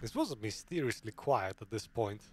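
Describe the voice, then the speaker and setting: Male streamer, casual and giggly, animated pitch, light background hiss. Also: normal speed. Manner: chatty, laughs often, reads chat aloud. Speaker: gaming streamer. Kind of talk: live gameplay commentary.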